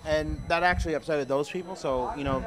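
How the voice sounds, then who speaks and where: Young male host, slightly high voice, rambling, casual recap chat. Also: a little fast, faint music behind. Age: young adult. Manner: rambling, with fillers and restarts.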